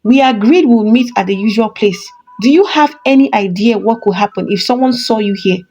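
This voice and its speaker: A woman's voice: on the high side, fairly quick, a little mellow, slightly rough, soft background music. A woman voicing a cold, scheming male pastor, hissing in anger in a storybook narration. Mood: furious. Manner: cold and calculating.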